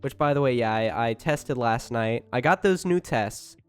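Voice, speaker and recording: A man hosts a casual livestream over background music, keeping up a rambling, chatty, informal stream of talk to his chat with swearing. His mid-range voice sounds clear and resonant, animated at a moderate pace.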